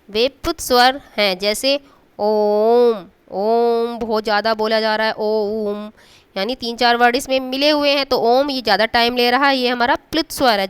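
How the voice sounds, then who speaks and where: Very clear-voiced woman teacher. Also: a little high, a bit bright. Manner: patient, draws out sounds to demonstrate them; checks in with the class often. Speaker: school teacher. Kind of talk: classroom Hindi grammar lesson.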